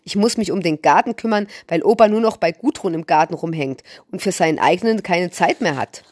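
A woman's voice: lowish voice, fairly quick, a little mellow, no echo, studio quality, close to an everyday voice. Woman doing a quirky know-it-all girl. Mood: chatty. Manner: precocious and matter-of-fact.

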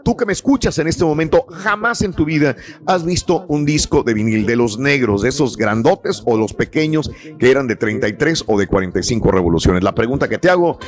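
A man's voice: medium pitch, lively intonation, brisk. A man with a Mexican accent hosting a radio show in a conversational, emphatic way, repeating phrases for stress.

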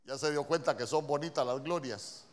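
Male preacher, Honduran accent, fairly high voice. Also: moderate pace. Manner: conversational, asks the congregation questions. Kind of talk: sermon. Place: church.

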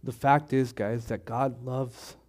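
Male pastor, slow measured sermon delivery, repeats phrases, mid pitch. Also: steady tone, a little mellow. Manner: slow, deliberate preaching with repetitions. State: throat clearing, choked up.

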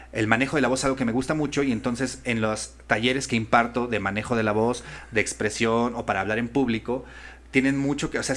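A man who works as a voice-over artist and voice coach chats casually and thoughtfully, restarting often as he searches for words. His voice is medium-pitched with a fairly bright tone.

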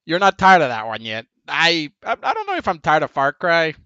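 Male panel guest, lively pitch, swears a lot, dull lo-fi dry mic. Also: a little fast, no room sound. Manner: animated, swears a lot, laughs often. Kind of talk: casual panel chat.

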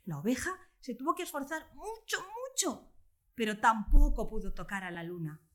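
A woman telling a children's story aloud in an expressive, animated way. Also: fairly high pitch, moderate pace, roomy sound.

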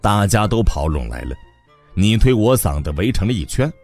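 A man narrating an audiobook in an expressive storytelling manner. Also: fairly low pitch, moderate pace, faint music behind.

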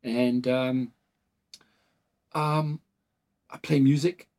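A man's voice: mid-range voice, steady tone, drawn-out words, darkish tone. A man in his forties, from South Africa and Portugal, talking casually as a clinic founder in an interview, rambling through stories with many fillers. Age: 40s. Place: dental clinic office.

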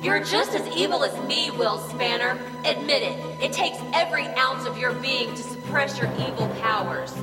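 An actress plays a wicked film sorceress declaiming with slow theatrical villain menace. Her voice is fairly high and rings through a long, echoing hall, with loud score music underneath. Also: lightly acted. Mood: taunting menace.

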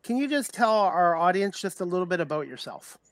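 A man co-hosting a podcast who also covers sports, speaking in a steady, slightly formal way. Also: sits high, a little fast, no echo. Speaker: podcast co-host, sports media member. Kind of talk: casual chat, hosting.

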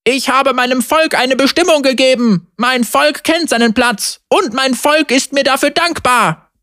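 A woman's voice: sits high, measured pace, a bit bright, dry recording, studio quality. A woman doing a cruel arrogant king. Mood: haughty.

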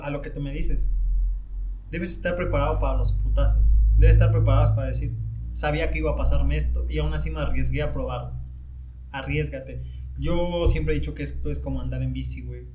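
A man's voice: a little high, a little fast, slight background noise. A man with a Mexican accent, a private driver, telling anecdotes in casual chat and acting out the people in them. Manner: animated storyteller, acts out voices in anecdotes.

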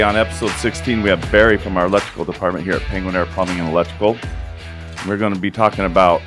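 Deep-voiced guy hosting a podcast, chatty and laid back, still has that early morning voice, faint music under it. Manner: relaxed, chatty, bit groggy. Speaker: podcast host. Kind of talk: casual chat.

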